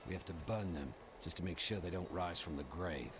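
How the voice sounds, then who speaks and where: A grim townsman from a fantasy game, played by a male actor. His voice is very deep, with clear ambient noise around it. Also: brisk, close to an everyday voice. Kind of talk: video game character acting.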